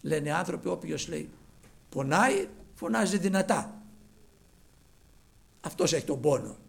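A man preaching a sermon who tells the story by acting out its voices, swinging from low murmurs to loud calls. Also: vocal fry.

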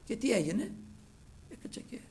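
A man preaching a sermon who tells the story by acting out its voices, swinging from low murmurs to loud calls. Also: big pitch swings, creaky, a little hiss or hum.

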